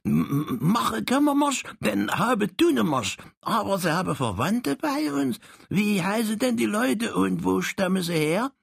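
A man voicing a small, excitable middle-aged man with a Saxon dialect, shrill and eager. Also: measured pace, creaky, husky, dry recording, heavily acted. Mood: excited.

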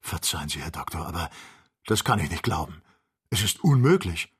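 Excitable young servant , read by a husky man, audiobook, exclaiming. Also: low voice, moderate pace, recorded from a distance, exaggerated voice. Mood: indignant. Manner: astonished, exclaiming.

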